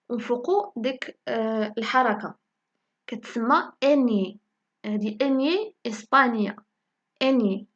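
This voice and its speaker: Moroccan woman teaching letters slowly. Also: fairly high pitch, muffled recording. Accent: Moroccan Arabic. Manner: slow, repeats each word several times for learners. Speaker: language teacher. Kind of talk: spoken lesson in Moroccan Darija.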